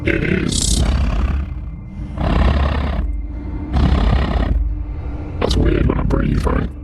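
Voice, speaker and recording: A man using a voice changer for a disguised deep voice, playing an evil male demon who threatens humans on a livestream. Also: exaggerated voice. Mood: casual. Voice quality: gravelly, slow, menacing. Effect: voice changer, disguised deep monster voice. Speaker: streamer. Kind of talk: livestream chat in character. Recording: loud music behind voice.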